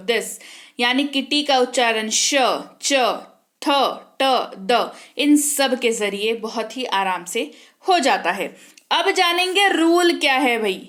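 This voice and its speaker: Woman, high-pitched, English teacher, spells words letter by letter, asks and answers her own questions. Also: fairly bright tone. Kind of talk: spoken English lesson.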